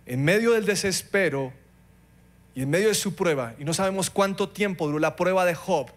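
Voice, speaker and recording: A middle-aged man preaching a sermon, passionate, swinging between loud pleading and quiet moments. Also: high voice, normal speed. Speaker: pastor.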